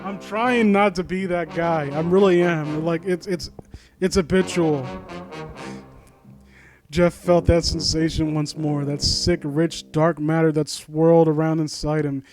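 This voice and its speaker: With music in the background, a man with a voice on the high side reads a story aloud and comments on it as host of a critique series. His tone is steady and his pace a little slow. He's casual, sardonic and informal, offering mock-supportive asides and often stumbling over the lines he reads.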